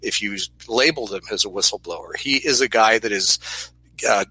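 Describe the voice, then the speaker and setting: A man's voice: on the low side, brisk, pushed and bright, husky, no echo, rough recording. A man speaking as an interview guest, explaining things in an earnest, emphatic conversational way.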